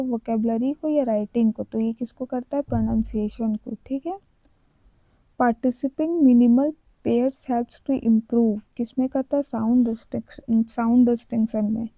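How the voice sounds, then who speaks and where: A young woman teaches an exam-prep lesson. She reads each English question at a deliberate, unhurried pace in a dark, mellow voice, then explains it with rhetorical questions. The recording is dry and close, with no room sound. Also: a little high, no echo, low-quality recording.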